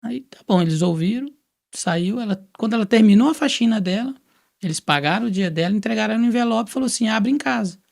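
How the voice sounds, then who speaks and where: A man from Brazil with a somewhat high, gravelly voice tells his testimony as a guest. He talks casually and acts out each quoted exchange as he goes. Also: fast. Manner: lively storyteller who acts out quoted dialogue.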